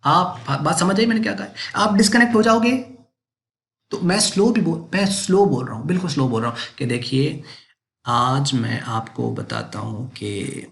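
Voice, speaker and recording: A man's voice: high voice, lively intonation, a little fast, fairly bright tone. A man teaching accounting in a recorded lecture. He keeps asking rhetorical questions and answering them himself, and he repeats each point for emphasis. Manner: emphatic, repetitive explaining.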